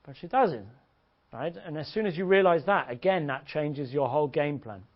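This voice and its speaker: A man's voice: on the high side, moderate pace. Blunt male dating coach, lo-fi recording. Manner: blunt, crude, joking. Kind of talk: seminar talk. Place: seminar room. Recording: dull lo-fi audio.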